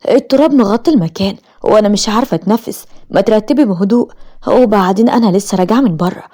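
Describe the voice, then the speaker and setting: Lady doing a whiny egyptian teen brat, quick talker, soft dark tone. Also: medium pitch, natural voice. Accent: Egyptian Arabic. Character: bratty teenage sister-in-law, greedy and whiny.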